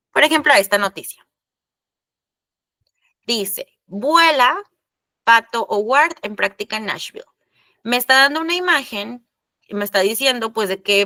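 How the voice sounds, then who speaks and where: A woman's voice: fairly high pitch, sharp tone, no echo. A woman teacher, explaining a lesson in an online class, chatty and addressing the students directly.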